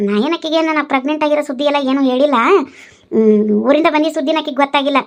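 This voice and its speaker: A woman's voice: high voice, very fast, natural voice. A woman voicing a pregnant young wife in a cartoon, defending herself to her mother in a North Karnataka Kannada accent. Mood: hesitant. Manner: defensive, pleading, explaining.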